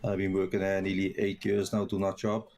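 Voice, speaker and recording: A man's voice: deep voice, monotone, brisk, darkish tone. A man with a South Wales accent from around Swansea, chatting casually as a guest streamer on a podcast. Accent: South Wales, Swansea area. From Neath, South Wales. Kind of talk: casual chat.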